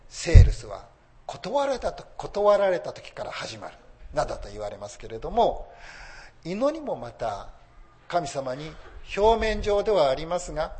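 Lively Japanese-speaking male preacher. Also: a little high, a little slow. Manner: lively preaching, rising emphasis on key phrases. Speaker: pastor. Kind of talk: sermon.

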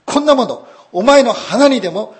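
A short-tempered old husband from a folk tale, played by a male preacher. He grumbles and barks gruffly, and his pitch jumps about a lot. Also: sing-song, unhurried, full character voice. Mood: furious. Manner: gruff, barking when angry. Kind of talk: folk tale told in a sermon.

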